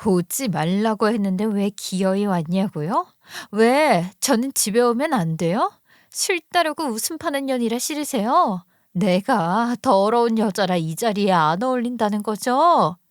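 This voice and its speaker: A defiant young woman lashes out at her mother, bitter and accusing, as a woman reader plays her. Her voice sits high and a little hushed. The read is dry and close, like an audio storybook. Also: animated, normal speed, dry recording, natural voice.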